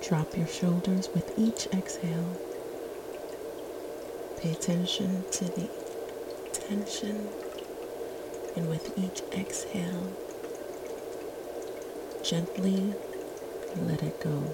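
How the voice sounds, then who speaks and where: A woman leading a guided meditation in a soft, soothing, gentle spa-like whisper, as the host. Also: on the low side, steady tone, slow, pauses often, heavy background noise. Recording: loud watery ambience, dripping water. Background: running and dripping water ambience.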